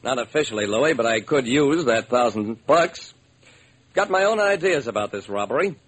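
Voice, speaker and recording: With a medium-pitched, animated, fairly bright and husky voice, an actor portrays the wry, shrewd detective narrating his case in an old-time radio drama. The delivery is brisk and wry, on a slightly noisy old recording.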